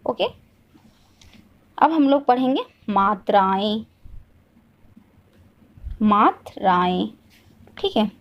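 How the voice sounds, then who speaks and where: Woman, teacher, fairly high voice, asks and answers herself, repetitive drilling lesson. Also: a little mellow. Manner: asks questions and answers them herself, repeats each point. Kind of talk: classroom lesson.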